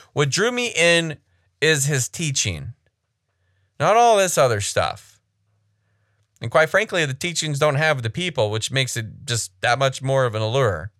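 A man's voice: medium pitch, a bit bright, no room sound, studio quality. A man casually commenting on a sermon clip, blunt, frank and critical.

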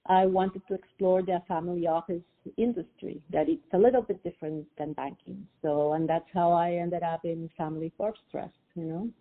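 Over a tinny phone connection, a Peruvian woman who works as a financial advisor gives an interview as a guest. Her fairly low voice is steady and moderately paced, yet her speech is hesitant and full of fillers and restarts.

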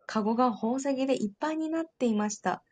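A woman reads a devotional story aloud at a measured, careful pace. Her voice sits somewhat high. Her manner stays polite throughout. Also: darkish tone, slight background noise. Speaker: reader.

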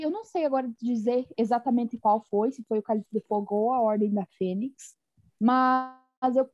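A woman's voice: a little high, warm tone, no room sound, lo-fi sound. A woman from Brazil co-hosting a casual podcast chat, talking in a chatty way with many restarts and frequent laughs. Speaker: podcast co-host.

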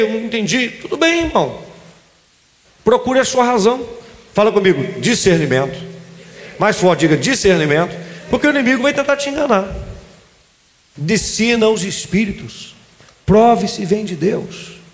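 Male pastor, high-pitched, emphatic sermon with crowd call-outs and jokes, big church reverb. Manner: emphatic preaching with call-and-response and humorous asides. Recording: church hall with long reverb.

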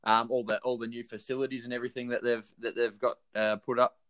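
A man chats keenly as a guest fan, leaning on ums and uhs as he goes. His voice is smooth and clear, at an ordinary pitch for a man. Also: flat delivery, fast, fairly bright tone. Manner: enthusiastic, filler-heavy. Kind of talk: casual chat.

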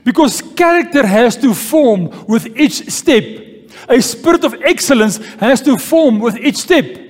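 His voice is extremely high, with lively intonation and a slightly slow pace. The pastor preaches and reads scripture to a congregation, calling "Amen?" and repeating key phrases. Long church-hall reverb and faint music come through in the recording.

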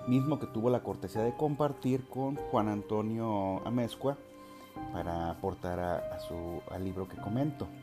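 A middle-aged Mexican man with a Mexican Spanish accent, hosting a podcast and telling a story in a measured, formal way with occasional hesitations. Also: lowish voice. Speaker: podcast host. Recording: loud music under the voice.

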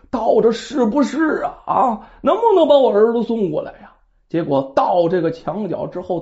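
Animated woman storyteller, lo-fi sound. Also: medium pitch. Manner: animated, chatty asides to listeners. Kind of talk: oral storytelling narration. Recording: dull lo-fi recording.

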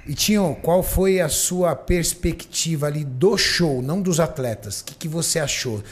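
A man's voice: fairly high pitch, moderate pace. A man hosting a podcast, steadily guiding the talk with questions. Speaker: podcast host.

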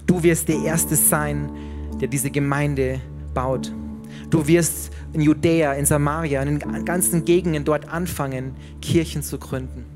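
A man voicing Jesus in a sermon, speaking softly, quietly and tenderly. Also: on the high side, fairly even intonation, measured pace, over music, close to an everyday voice. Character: gentle, reassuring male Jesus.

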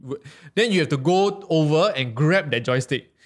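Malaysian male co-host, Malaysian English accent, slightly raised pitch, lively step-by-step storyteller. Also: moderate pace. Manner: animated storytelling, explaining step by step. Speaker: podcast co-host. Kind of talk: casual chat.

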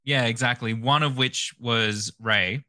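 A man co-hosts a casual podcast chat. His voice is very bright and sharp, at a middle pitch. He speaks in a measured way with dry remarks. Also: fairly even intonation. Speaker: podcast co-host.

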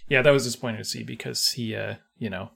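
A man's voice: medium pitch, steady tone, fast talker, gravelly, fairly bright tone, breathy edge. A man co-hosting a casual podcast, wry and easygoing, laughing along with his partner. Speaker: podcast co-host.

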